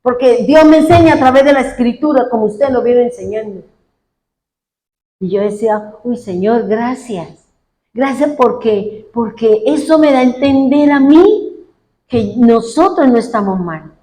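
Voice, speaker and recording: A woman's voice: on the high side, a little slow, warm tone. A woman pastor preaching a fervent sermon, retelling what congregants said and praying aloud as she goes. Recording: echoey room.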